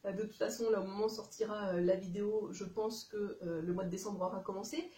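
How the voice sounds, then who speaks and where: A woman's voice: mid-range voice, fairly even intonation, quick pace, dark tone, echoey room, distant mic, low-quality recording. A woman chatting through a casual haul vlog, hesitant with many fillers and restarts, talking straight to her viewers. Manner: chatty, addresses viewers directly. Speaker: YouTube haul vlogger. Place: room at home, dim light.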